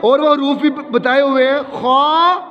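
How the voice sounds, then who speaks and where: A man's voice: extremely high pitch, noisy background. A man teaching a class to recite the Quran, repeating questions and answers as a drill. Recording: echoey hall, dull lo-fi sound, class crowd.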